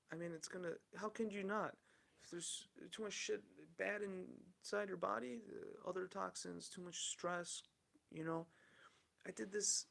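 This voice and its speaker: Gravelly man rambling on a podcast. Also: sits high, a bit bright. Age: 30s. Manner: rambling, candid, swears casually. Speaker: podcast host. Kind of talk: casual solo podcast commentary.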